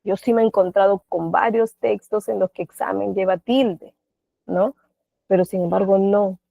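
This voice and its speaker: A woman's voice: medium pitch, vocal fry, a little mellow, dry recording. A Peruvian woman teaching an online class, patient, often asking the class questions and adding tag questions. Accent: Peruvian Spanish. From Peru. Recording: dry, phone-like audio.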